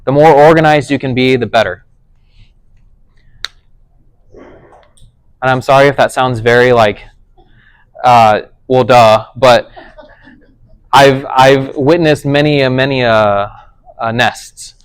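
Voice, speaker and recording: A man teaches a casual tech class in a conversational way, frequently asking "does that make sense" to check that listeners follow. His medium-pitched voice is unhurried, clear, and resonant, captured in a dry but rough recording.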